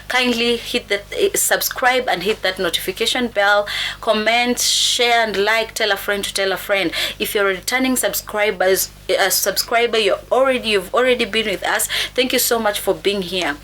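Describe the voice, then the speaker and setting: A woman with a Kenyan accent hosting a casual interview in a guest's home, switching between languages and keeping up a steady stream of encouraging murmurs. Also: medium pitch, moderate pace, slight background noise. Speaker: host.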